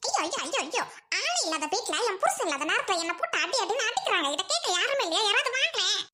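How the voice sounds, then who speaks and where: A woman voicing a loud, scheming young bride who scolds and wails in a family skit. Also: big pitch swings, over loud music. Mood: wailing. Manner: shrill, scolding, quick to wail. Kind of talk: Tamil family skit acting.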